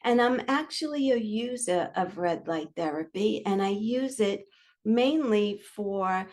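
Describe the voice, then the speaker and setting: A woman's voice: medium pitch, animated, darkish tone. A woman in her sixties hosting a podcast, introducing the episode in a chatty, candid way. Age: 60s. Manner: chatty and candid, slow and unhurried. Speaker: podcast host.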